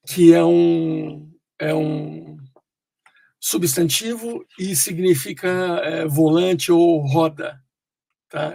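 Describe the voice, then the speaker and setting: A man teaching English pronunciation online, explaining slowly with many fillers and pauses. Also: fairly high pitch, creaky, warm tone, breathy edge, no room sound.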